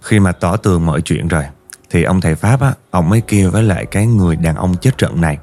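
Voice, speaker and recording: Deep-voiced Southern Vietnamese storyteller. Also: male voice, quick pace, a little mellow. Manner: vivid storytelling, addressing listeners directly. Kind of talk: ghost story narration. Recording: faint background music.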